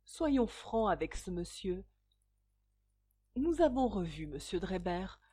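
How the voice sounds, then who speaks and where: A frank young woman speaks clearly and calmly, with steady firmness, voiced by a woman reader. Her voice is unhurried and composed. This is a storybook reading. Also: medium pitch, heavily acted. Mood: calm firm. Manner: calm, clear, firm.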